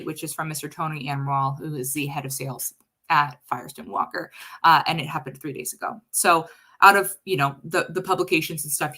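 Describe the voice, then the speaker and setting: A woman in her thirties from the US West Coast, an HR consultant giving a casual, chatty webinar with a sarcastic streak. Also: low-pitched. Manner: chatty and sarcastic, lively swings in loudness.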